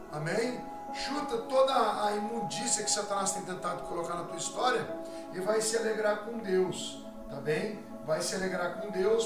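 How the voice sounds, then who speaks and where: Brazilian male preacher, high voice, exhortative teaching, echoey room with music under it. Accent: Brazilian Portuguese. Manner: exhortative, keeps asking "amém?" and "tá?" of listeners. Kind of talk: recorded spiritual warfare teaching.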